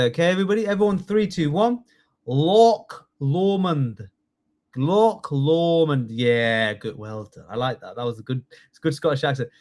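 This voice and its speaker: A man teaching a live online class, lively and coaxing, repeating key words slowly for his students. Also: a little high. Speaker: test training tutor.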